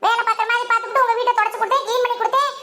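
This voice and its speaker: A woman's voice: very high-pitched, fairly even intonation, very fast, sharp tone. A woman voicing a chatty, teasing village girl in a cartoon, often laughing as she talks. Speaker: cartoon voice artist doing several village characters.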